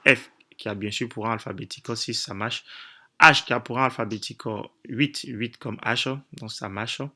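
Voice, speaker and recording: A man's voice: fairly low pitch, pushed and bright. A man coaching students through logic exercises step by step, methodical, thinking aloud with frequent hesitations. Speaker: coach teaching logic tests.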